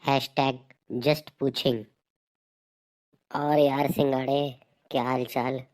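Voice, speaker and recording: A man's voice: medium pitch, flat delivery, slow, a little mellow. A man hosting a comedy joke channel, telling jokes and playing out comic sketches. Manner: jokey storyteller. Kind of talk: comic skit narration and dialogue.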